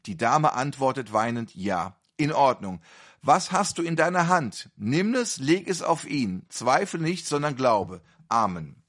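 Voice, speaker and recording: Husky, lively man preaching fervently. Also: on the high side. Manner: fervent, questioning the congregation. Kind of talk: healing service sermon.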